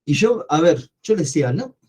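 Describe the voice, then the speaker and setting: A man with an Argentine accent teaching an online coaching class, talking loudly and energetically and putting questions to the class that he answers himself. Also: a little high, unhurried. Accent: Argentine Spanish. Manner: loud, energetic way of speaking. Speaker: coaching course instructor.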